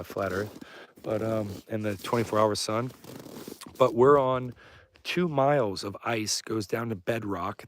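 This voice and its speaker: A man speaking in a casual, rambling live vlog, informal and self-deprecating, drifting between thoughts as he goes. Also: on the low side. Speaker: filmmaker live-streaming as a vlogger. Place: outdoors on snow and ice at an Antarctic camp. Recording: clear outdoor background noise.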